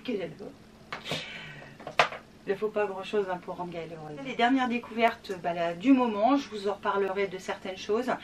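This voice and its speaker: A French beauty vlogger from France chats casually at home in a product review vlog, rambling with fillers and laughing often. Her medium-pitched voice moves at a moderate pace, recorded far from the mic against a noisy background.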